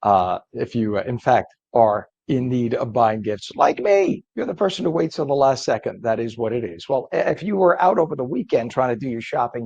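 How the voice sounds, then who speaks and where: A hoarse man with a croaky frog voice, hosting live news in a chatty, halting way and interviewing a guest. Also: medium pitch, darkish tone, no room sound, dull audio. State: hoarse, struggling with voice. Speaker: news host.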